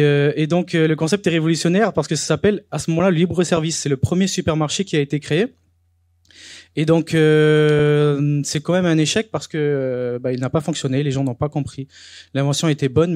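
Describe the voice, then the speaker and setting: A man's voice: fairly high pitch, fairly even intonation, a little fast, darkish tone, dry recording, clean studio sound. A young man hosting a talk event, speaking casually with frequent hesitations. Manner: chatty, hesitant, with many fillers. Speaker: event host. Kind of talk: presentation to a live audience.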